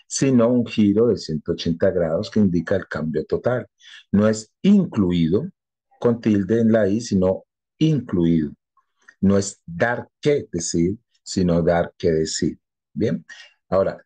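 A man teaching a lesson, explaining at a measured pace with frequent filler sounds and tag questions. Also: on the low side, warm tone, husky. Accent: Colombian Spanish. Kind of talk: classroom explanation.

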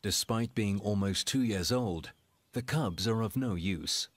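A man narrating a scripted wildlife documentary in a measured, dramatic storytelling manner with deliberate pauses. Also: lowish voice, dry recording.

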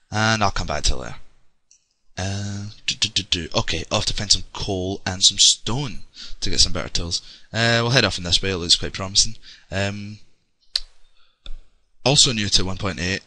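This young man from Scotland has a low, sharp-toned voice, recorded with no room sound. He chats through his gameplay in a rambling, um-filled style, giving casual let's play commentary.

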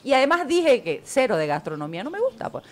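Lively high-voiced Bolivian woman. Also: fast, a crowd in the background. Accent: Bolivian Spanish. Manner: chatty, laughs often. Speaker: co-host. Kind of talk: casual chat.

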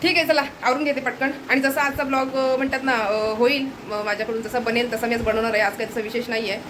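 Speaking in a fairly high, steady voice at a fast clip, a female vlogger chats casually with her viewers in a home vlog, addressing the camera directly and sometimes cooing at her pet. Fasting has left her voice low. Background noise is audible.

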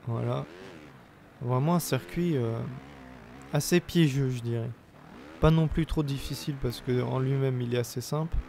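A man's voice: mid-range voice, creaky, background noise. A young man with a sore throat giving chatty, hesitant commentary on his own gameplay. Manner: chatty, hesitant, bursts of playful cheering. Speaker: let's play gamer. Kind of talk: casual game commentary.

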